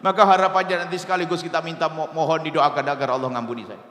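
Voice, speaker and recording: A male preacher giving an impassioned sermon, dropping to low murmurs and rising to loud pleading. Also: fairly even intonation, racing, reverberant, big-room sound.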